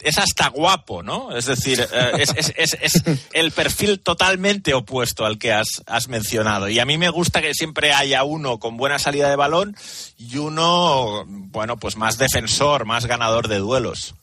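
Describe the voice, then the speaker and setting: A man guesting on a radio show as a football commentator. His voice is bright and forward, recorded close and dry, and he talks in a measured way, often restarting his sentences. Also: medium pitch, no room sound. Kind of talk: radio interview.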